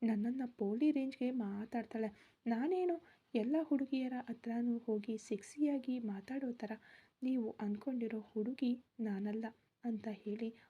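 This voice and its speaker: A woman voicing an amorous, headstrong young husband, speaking in a hushed, intimate way that flares into heated outbursts. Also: on the high side, measured pace, slightly rough, muffled recording. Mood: bitter.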